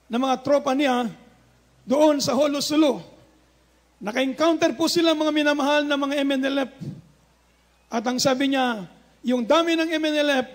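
A man preaching in a strikingly high voice. He stresses each phrase and urges the congregation to answer amen. Measured stretches swell into fervent, almost shouted passages. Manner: emphatic, repeatedly calls the congregation to say amen; switches between measured speech and fervent near-shouting. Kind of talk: sermon.

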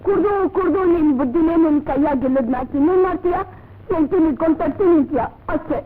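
A woman's voice: high-pitched, quick pace, slight background noise, lightly acted. An actress playing a fed-up wife who answers her drunken husband with sarcastic scolding, in a radio drama. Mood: defiant. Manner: scolding, sarcastic retorts, rustic dialect. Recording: tinny lo-fi audio with faint music.

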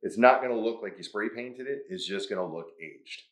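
A man's voice: lowish voice, a little fast, echoey room. A man hosting a hands-on craft tutorial, who talks upbeat through each step. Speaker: host.

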